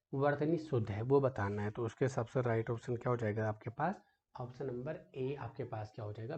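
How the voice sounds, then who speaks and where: This man teaches at medium pitch in a slightly mellow, breathy voice, patiently prepping students for exams by quizzing them. He leans on "ठीक है", addresses them as "बेटा", and often checks back with rhetorical questions; the audio lacks high frequencies.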